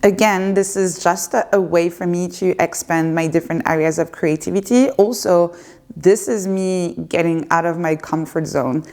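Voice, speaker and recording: Her pitch is fairly low and her tone steady, with a slightly mellow quality and an ordinary pace. She's a woman in her thirties with a French accent, chatting candidly to camera from home as she answers viewers' questions in an unscripted Q&A, pausing hesitantly at times.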